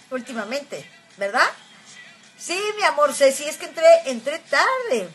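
A husky, fairly high, somewhat bright voice belongs to a Mexican woman in her fifties running a relaxed livestream. She reads comments from her viewers and talks with them fondly, using frequent filler words.

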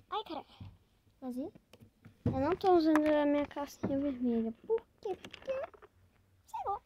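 Brazilian girl vlogging while she packs, high voice, bursts out loud then mutters, noisy room with clicks. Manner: chatty, jumps between loud exclamations and quiet muttered asides. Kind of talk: casual chat while packing. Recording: clear background noise, handling clicks.

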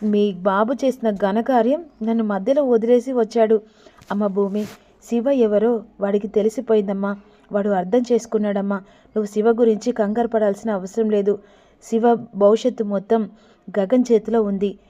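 A woman voicing a middle-aged mother-in-law who calmly reassures her daughter-in-law. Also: mid-range voice, normal speed, highs cut off, lightly acted. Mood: reassuring.

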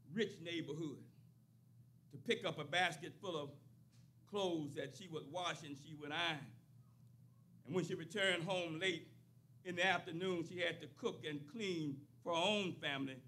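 Older male pastor, bright high voice, pulpit sermon with swelling repetition; faint room hiss. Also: moderate pace, long pauses. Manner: builds to rising, repeated preaching cadence. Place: church sanctuary, at a pulpit. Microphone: pulpit microphone on a stand.

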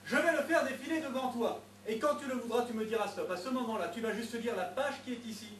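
A man's voice: extremely high pitch, quick pace, a bit bright, recorded from a distance, slight background noise. A man performing a mentalist act on a theatre stage, coaxing and teasing spectators with playful patter. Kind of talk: live stage patter with audience. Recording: echoey theatre recorded from afar.

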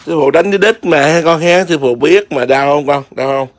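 A man's voice: fairly high pitch, normal speed. A man, a Buddhist monk, chatting casually outdoors in his garden and keeps asking his viewers whether they see. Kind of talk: casual home vlog.

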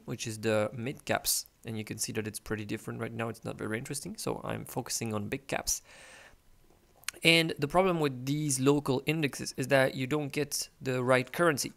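Tired, gravelly-voiced man talking stocks. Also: mid-range voice, fairly bright tone. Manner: hesitant, many uh fillers, non-native phrasing. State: tired morning voice. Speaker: finance video host. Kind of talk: casual market commentary over screen share.

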